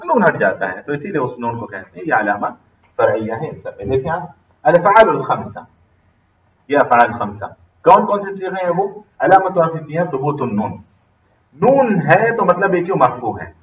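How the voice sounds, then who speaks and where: A man's voice: fairly high pitch, very animated, normal speed, dull audio, slight background noise. A man with a Pakistani Urdu accent teaching an Arabic grammar lesson, drilling students with questions and repeating terms emphatically. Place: classroom. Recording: roomy classroom, mic far off.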